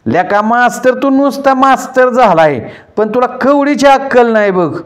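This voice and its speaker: A man voicing a spoiled, bossy young villager who talks loud and teases. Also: very high-pitched, expressive, measured pace, pitched above the performer's own voice. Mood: teasing.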